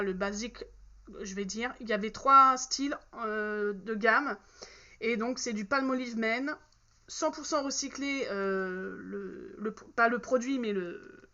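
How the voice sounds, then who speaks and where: High-voiced chatty woman, muffled sound. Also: bright, forceful tone. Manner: chatty, hesitant, many fillers and self-corrections. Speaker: vlogger showing a shopping haul. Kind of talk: casual chat. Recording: slightly dull, faint background noise.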